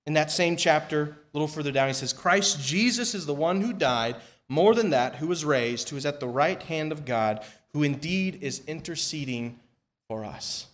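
A man preaching a sermon and leading prayer at a pulpit microphone in a church, reading scripture in a measured, emphatic way that falls soft at the ends of phrases. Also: on the high side, animated. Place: church sanctuary.

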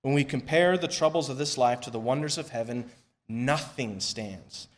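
A man with a mid-range voice stands at a pulpit microphone in a church sanctuary, preaching and leading prayer. His scripture reading is measured and emphatic, softening as each phrase closes.

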